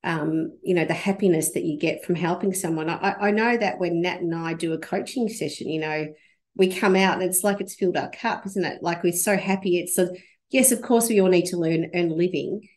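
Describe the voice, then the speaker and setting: A woman co-hosts a podcast in a slightly low voice. She asks her guest questions in an encouraging way and pauses on fillers as she goes. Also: a little mellow. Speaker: podcast co-host. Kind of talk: casual podcast interview.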